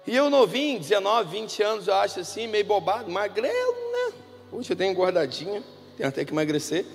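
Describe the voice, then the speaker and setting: A preacher with a high, gravelly voice delivers his sermon like a story, sometimes dropping low and sometimes rising loud. His voice carries through a large echoing hall over faint music. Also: big pitch swings, a little fast. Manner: conversational storytelling, swings between hushed and loud.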